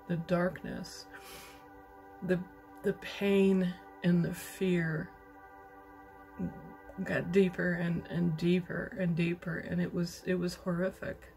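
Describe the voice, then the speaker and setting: A middle-aged woman from western Canada telling her personal story in a slow, halting, emotional way, with many pauses and restarts. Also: lowish voice, darkish tone. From British Columbia, Canada. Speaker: interviewee. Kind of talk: personal testimony.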